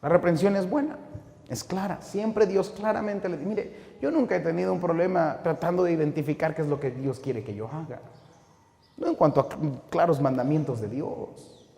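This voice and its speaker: A man preaching a sermon as pastor, impassioned, swinging between shouted rebukes and low, intense warnings. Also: moderate pace, creaky. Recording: echoey hall with long reverb.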